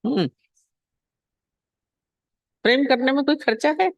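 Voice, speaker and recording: A man delivers a devotional scripture discourse as a spiritual teacher. He repeats phrases and puts rhetorical questions to his listeners, in a voice high for a man. The sound is dry, with no room echo. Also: measured pace, creaky, highs cut off.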